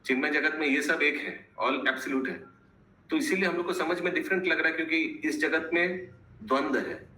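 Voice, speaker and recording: A man teaching a scripture class online, answering students in a relaxed, conversational way and slipping in English phrases. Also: fairly high pitch, moderate pace, reverberant, poor audio. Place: home, online video call.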